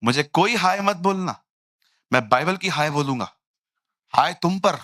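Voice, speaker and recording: A male preacher who talks slowly and deliberately in a bright, forceful voice that sits fairly high. He acts out the people he meets and pokes fun at them. The sound is dry and close. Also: no echo. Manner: animated, acting out people and mocking them. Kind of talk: lively Hindi sermon.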